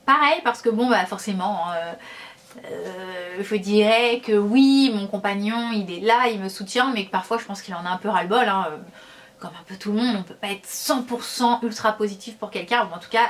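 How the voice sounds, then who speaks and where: A woman's voice: mid-range voice, normal speed. A woman vlogger talking casually to her viewers, chatty and hesitant, with many fillers. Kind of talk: casual talk to camera.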